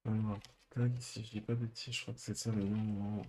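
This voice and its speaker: A man streaming a live coding session, thinking aloud with many pauses and fillers. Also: on the low side, flat delivery, darkish tone, slight background noise.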